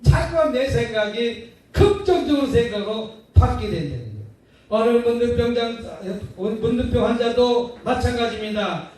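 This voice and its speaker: A male pastor gives a revival sermon in a prayer house hall, folksy in style, using rhetorical questions and call-and-response to draw replies from the crowd. His pitch is extremely high with a darkish tone at a moderate pace, captured by a distant mic in a very echoey hall with faint noise.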